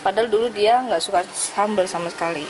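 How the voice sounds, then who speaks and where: A woman's voice: medium pitch, fast talker, noisy background. A woman hosting a casual family vlog, prodding her guest with teasing questions. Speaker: vlog host, footballer's wife.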